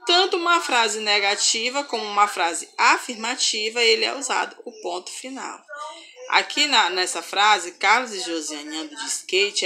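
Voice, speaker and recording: Teacher lady, slow and bright, explains grammar to kids. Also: fairly high pitch. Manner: slow, explanatory, reading example sentences aloud with expressive intonation. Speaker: schoolteacher. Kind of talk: remote grammar lesson for children.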